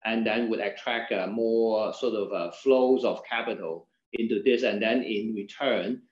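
A lower-voiced man speaks on a panel, hesitating before almost every phrase. The sound is roomy and slightly muffled, and his voice trails softer at phrase ends. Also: a little slow. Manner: very hesitant, constant "uh". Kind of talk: panel discussion answer. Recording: echoey muffled room.

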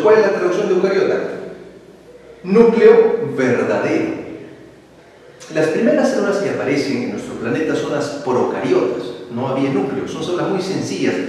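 A Peruvian man teaches biology in a lively, questioning way, tossing in English words. His voice sits a little high for a man. It rings through a very echoey hall, picked up from a distance. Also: a little hiss or hum. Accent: Peruvian Spanish. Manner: lively, asks questions and answers them himself, mixes in English words. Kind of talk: online pre-university biology lesson.

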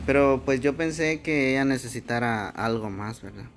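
A man's voice: medium pitch, normal speed. A young man hosting a charity vlog, explaining things step by step to his viewers. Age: young adult. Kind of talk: casual narration to camera. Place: small bedroom, indoors.

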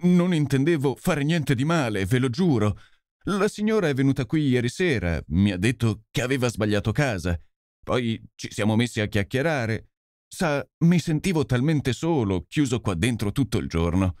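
A man's voice: mid-range voice, very animated, moderate pace, darkish tone, no echo, clean studio sound, close to an everyday voice. A man voicing a big, contrite police constable who pleads and apologizes for letting a stranger in. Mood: apologetic, pleading.

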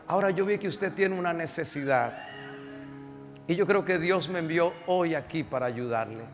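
A man preaching a sermon as pastor, telling a story dramatically, swinging from shouts to hushed tones. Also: fairly high pitch, moderate pace, in a large hall, soft background music. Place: church sanctuary.

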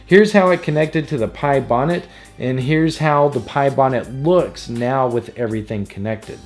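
A man hosts and narrates a scripted how-to tutorial in a casual, explanatory way, with background music playing. His medium-pitched voice has a darkish tone and moves at normal speed.

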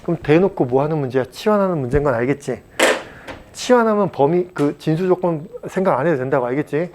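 A man teaching a math class at a cram school, blunt and chatty, joking and mock-scolding his students and checking in with quick questions. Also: on the high side, lively intonation, noisy background. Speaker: math tutor.

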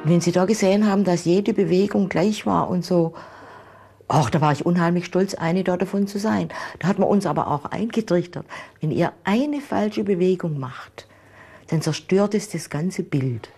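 Older female interviewee, warm dark voice, informal recollection, light music underneath. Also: on the low side, normal speed. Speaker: eyewitness interviewee. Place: dark indoor interview studio.

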